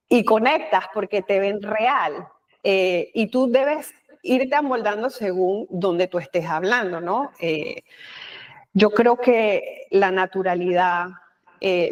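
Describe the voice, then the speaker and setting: A woman with a Panamanian Spanish accent and a mid-range voice, speaking as the guest in an interview. She talks in an animated, expressive way, acting out little quoted lines. Her speech is loose and chatty, with frequent fillers. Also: mid-range voice. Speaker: guest, communication expert. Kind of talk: conversational interview.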